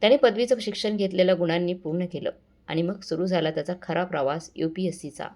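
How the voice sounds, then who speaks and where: A woman's voice: lowish voice, fast talker, darkish tone. A woman narrating an emotional family story in a scripted, dramatic way.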